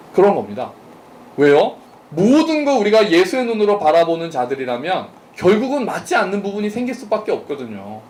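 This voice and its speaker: A man's voice: high voice, a little mellow, a little hiss or hum. A man pastor giving a conversational sermon at a church service, asking the congregation questions and joking with them. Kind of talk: interactive sermon.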